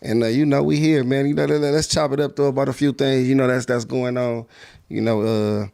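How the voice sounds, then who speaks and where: A man's voice: medium pitch, fairly even intonation, a little fast, gravelly, dark tone, clean tone. Laid-back man, casual podcast chat. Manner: laid-back, repeats "you know what I'm saying". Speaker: podcast host.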